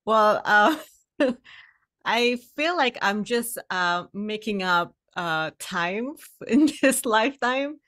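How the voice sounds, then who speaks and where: A middle-aged Indonesian woman, a hypnotherapist and coach, tells her story as a podcast guest over a video call from a room at home. Her mid-range voice is expressive, slow and fairly bright, and she's candid, often laughing between phrases, into a podcast microphone.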